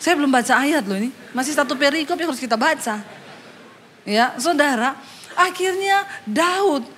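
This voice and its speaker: High-voiced woman pastor, lively sermon. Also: normal speed, a little hiss or hum. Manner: lively storytelling, switching between low asides and high exclamations. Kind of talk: humorous sermon with acted-out anecdotes.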